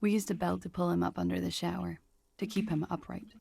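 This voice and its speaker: An actress voicing a frightened, guarded young woman who speaks in a measured, weary confessional manner in a video game. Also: lowish voice, little pitch movement, vocal fry, background noise.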